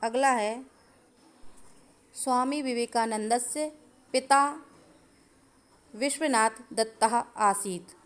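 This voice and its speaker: A woman teacher going through Sanskrit grammar answers, dictating them slowly and methodically. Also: fairly high pitch, clean tone. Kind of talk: explaining a grammar lesson.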